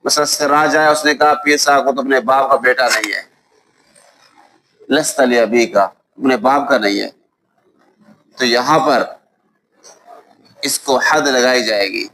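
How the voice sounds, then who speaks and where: A man with a Pakistani Urdu accent teaching a lesson on Islamic law. He recites Arabic texts slowly, then explains them with examples and often checks that students follow. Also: mid-range voice, steady tone, pushed and bright, a little hiss or hum, low-quality recording. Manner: explains with worked examples and asks "ٹھیک ہے؟" to check understanding. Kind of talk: classroom lecture.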